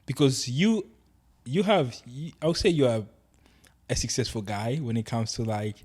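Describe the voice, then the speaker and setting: A man's voice: medium pitch, normal speed, a little mellow, husky. A young man hosting a podcast, asking loose questions with many fillers in casual conversation. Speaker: podcast host.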